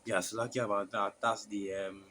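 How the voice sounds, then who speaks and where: The preacher here is a man whose sore throat leaves him hoarse, his fairly low voice level yet sharp in tone. He reads scripture haltingly with many fillers and restarts, over a little hiss or hum.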